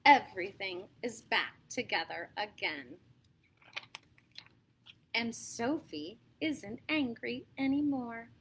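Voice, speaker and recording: Reading picture books to kids, this American woman speaks slowly in a fairly high voice, with a faint hiss or hum audible in the recording. Her storytelling is lively and theatrical, punctuated by asides where she puts questions to her young audience.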